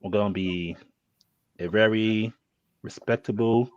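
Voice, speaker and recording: A man introducing himself on a casual group podcast, relaxed and rambling, slightly high. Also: unhurried, dry recording. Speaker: podcast guest. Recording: dry, muffled call audio.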